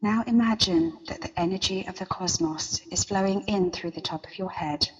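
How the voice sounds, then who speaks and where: A woman leading a guided meditation as a guide, with a slow, soothing countdown delivery. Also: fairly low pitch, darkish tone, in a large hall, lo-fi sound. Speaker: meditation guide and interview guest.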